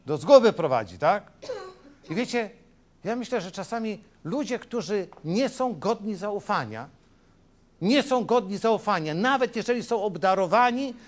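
A middle-aged male pastor preaches with a high-pitched, animated voice that climbs and drops with emphasis. He drives each point home and keeps checking in with his listeners through short rhetorical questions. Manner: emphatic, asks the congregation "tak?" and "wiecie?". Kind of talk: sermon.

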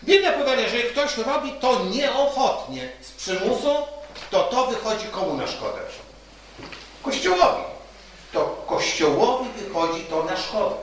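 Heard from a distance in an echoey hall with some hiss or hum, a male pastor with an expressive high voice delivers a story-driven sermon at normal speed, frequently asking the congregation "tak?", that is, "right?"

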